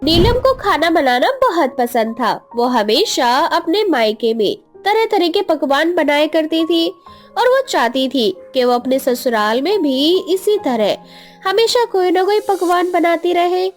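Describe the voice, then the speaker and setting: A woman narrating an animated moral story in a lively storytelling manner. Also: very high-pitched, measured pace, soft background music.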